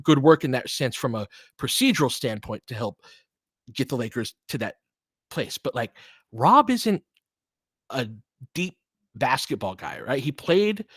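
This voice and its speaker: This basketball podcast host has a medium, slightly bright voice with no echo around it. He offers opinionated commentary in a casual, emphatic, conversational way, often tossing out rhetorical questions to check in.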